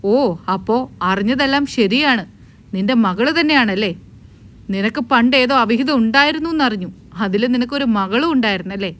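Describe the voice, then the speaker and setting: A woman putting on a furious middle-aged aunt, her fairly high voice snapping out one scolding question after another. She speaks as a family elder who sounds affronted and demanding throughout. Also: expressive, a little fast, fairly bright tone. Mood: indignant.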